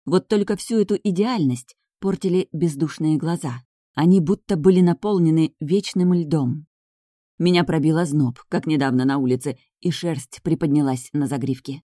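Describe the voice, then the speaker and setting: A woman with a low, dark-toned voice narrates an audiobook in the first person. The recording is dry and clean, with a studio sound.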